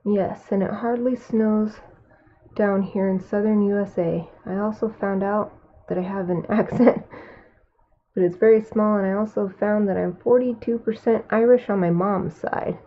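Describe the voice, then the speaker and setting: Painting live, an artist with a Californian accent talks casually in a medium-pitched, steady voice at a normal pace. She thinks out loud and mutters to herself between comments, all captured with a tinny, phone-like sound.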